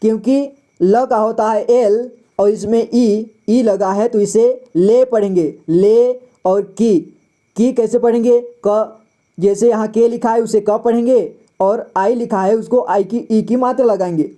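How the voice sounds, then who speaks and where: A man teaching a reading lesson step by step, patiently sounding out words slowly and repeating them syllable by syllable. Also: high voice, fairly even intonation, dark tone.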